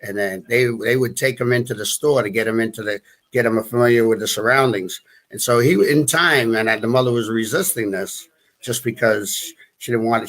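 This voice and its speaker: A man's voice: mid-range voice, a bit bright. A middle-aged man with a New England accent talks in a casual live-stream chat. He circles and restarts his sentences and scatters fillers and small chuckles as he goes. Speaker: guest.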